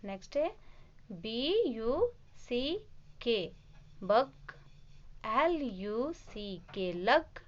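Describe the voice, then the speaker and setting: A woman's voice: fairly high pitch, animated, very slow, long pauses, dull audio. A woman teaching a kindergarten English phonics lesson, spelling short words letter by letter and explaining them in Hindi.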